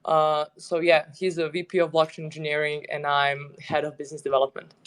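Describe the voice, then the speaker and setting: A man's voice: on the high side, fairly quick, clean tone. A man from Serbia, a guest in an online audio chat, talking casually with frequent laughs and phrasing. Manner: relaxed, laughs often, loose non-native phrasing. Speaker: guest, head of business development. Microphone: online audio stream.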